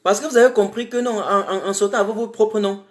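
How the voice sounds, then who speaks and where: A woman's voice: medium pitch, steady tone, fast talker. Fiery woman livestreaming. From Cameroon. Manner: impassioned, defiant, repeats phrases for emphasis. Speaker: political livestreamer. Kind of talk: live political commentary. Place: home in Germany. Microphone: webcam or phone mic on a livestream.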